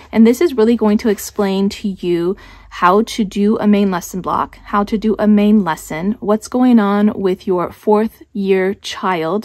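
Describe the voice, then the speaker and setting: A woman's voice: mid-range voice, a little mellow, no room sound. A woman hosting a homeschool channel, explaining a curriculum in a casual, conversational way and sometimes restarting her phrasing as she thinks aloud.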